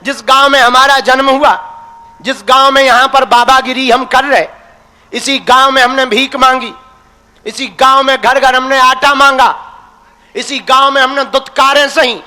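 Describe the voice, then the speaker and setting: High bright-voiced preacher man. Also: level tone, moderate pace. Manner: teasing, folksy, addresses listeners as "my crazy ones". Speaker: religious preacher. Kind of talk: devotional sermon to a crowd. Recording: long hall reverb.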